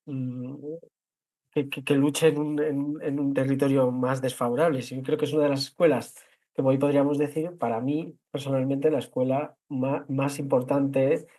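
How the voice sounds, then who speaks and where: A man from La Mancha, Spain, with a Castilian accent hosts a spontaneous moderated online talk, introducing architecture award winners. He speaks discursively, often repeating and rephrasing himself, in a warm, mid-range voice that stays flat at normal speed.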